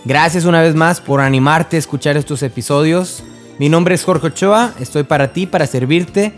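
A man with a Mexican accent hosting a casual religious podcast, talking straight to the listener in a chatty way. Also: a little high. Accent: Mexican Spanish. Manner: chatty, addresses the listener directly. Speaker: podcast host.

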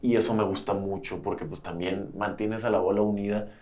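A young man from Mexico with a northern Mexican accent, chatting casually as a podcast guest, relaxed and laughing easily. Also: lowish voice, fairly quick. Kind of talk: casual chat.

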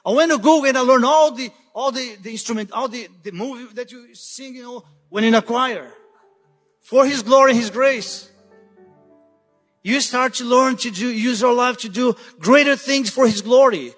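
High-voiced guest preacher, hall reverb. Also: male voice, normal speed, fairly bright tone, soft background music. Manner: urgent, repeats "listen" to drive points home. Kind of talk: sermon. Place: church sanctuary. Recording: long church hall reverb.

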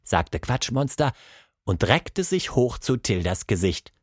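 Lively male storyteller, dry close sound. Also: mid-range voice, takes it slowly, husky, no room sound. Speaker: narrator. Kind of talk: scripted children's story narration.

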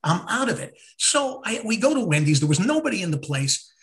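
A man co-hosting a casual chat podcast, telling stories in an animated way and acting out his own confusion. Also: high-pitched, fairly quick. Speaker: podcast co-host.

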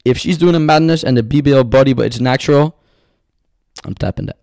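A man's voice: mid-range voice, a little fast, vocal fry, darkish tone, dry recording, clean studio sound. A man co-hosting a podcast, bantering casually and reading out confessions in blunt slang, repeating phrases for emphasis. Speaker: podcast co-host. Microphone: close podcast microphone.

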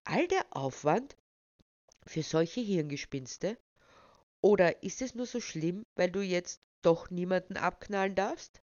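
Woman voicing a cool amused young storybook heroine, teasing and provocative, lowish voice, dull recording. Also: animated, normal speed, dry recording, close to an everyday voice.

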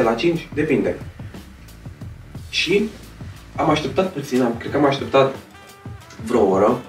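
A man telling a story in a casual podcast chat, in a lively, dramatic way. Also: medium pitch. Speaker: podcast guest. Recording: roomy echo, distant mic, faint music.

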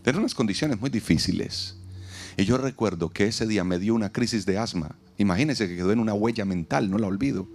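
Low-voiced preaching man. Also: slight background noise. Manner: preaching with dramatic pauses and acted-out quotes. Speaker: pastor. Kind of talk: sermon. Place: outdoor event.

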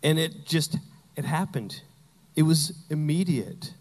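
A man's voice: a little high, takes it slowly, a little mellow, long reverb tail. A man preaching a sermon as pastor, telling Bible stories with humor and acting out the characters.

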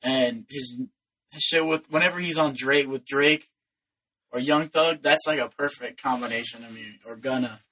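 Blunt, swearing young man, bright voice. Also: medium pitch, normal speed. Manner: blunt, swears often, slangy. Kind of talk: casual chat.

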